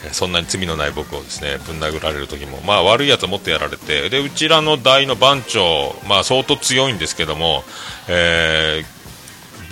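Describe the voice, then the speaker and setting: A middle-aged man from Fukuoka, telling rambling stories in a solo talk stream, full of fillers. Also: deep voice. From Fukuoka, Japan. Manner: rambling storytelling, many fillers, animated quoting. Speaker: host, restaurant owner.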